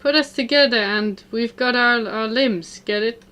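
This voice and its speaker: A woman's voice: on the high side, measured pace, fairly bright tone, clear, resonant tone. A woman voicing a cheerful, sporty teenage girl in a visual novel, in an upbeat, bubbly manner.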